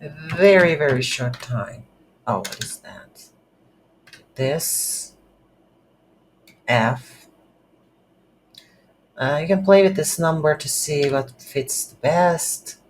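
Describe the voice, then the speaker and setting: Typing away in a noisy room, a game development instructor talks through code without a script, slowly and with frequent pauses as he thinks aloud. The pitch is mid-range, and keystrokes are audible throughout.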